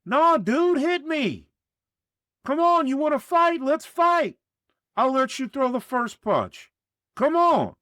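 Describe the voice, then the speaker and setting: A man's voice: high-pitched, unhurried, no echo, studio quality, voice pushed up, exaggerated voice. A man doing a huge, coolly menacing guy. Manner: flat taunting, then sharp barks. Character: huge, calm, intimidating young man.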